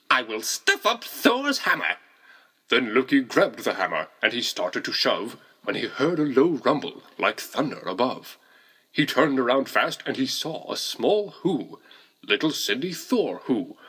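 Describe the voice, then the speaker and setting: A man reads a rhyming holiday tale aloud with a playful, sing-song lilt. His voice moves up and down expressively. The tone is bright and a little husky. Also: medium pitch. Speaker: storyteller. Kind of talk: rhymed storybook narration.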